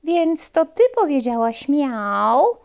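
A woman doing a high, eager little puppy from a storybook. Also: takes it slowly, creaky, heavily acted. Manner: high, loud and excited. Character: small curious puppy, naive and eager.

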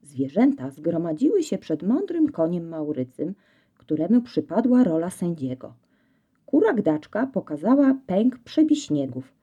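A woman reading a children's story aloud in a lively, playful storytelling manner. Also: on the low side, measured pace, breathy edge, highs cut off.

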